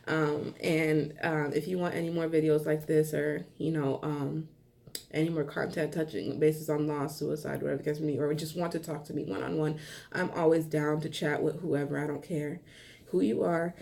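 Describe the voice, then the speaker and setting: A woman's voice: low-pitched, little pitch movement, moderate pace, creaky, a little mellow. A young woman vlogger talking earnestly to her viewers in a casual, heartfelt monologue, rambling with many ums and restarts and sounding short of breath.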